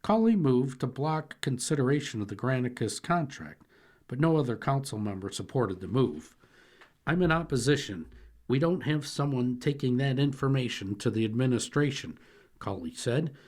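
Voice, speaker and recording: A man reading newspaper articles aloud for a radio reading service, in a measured, even manner with occasional slips. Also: mid-range voice. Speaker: volunteer newspaper reader.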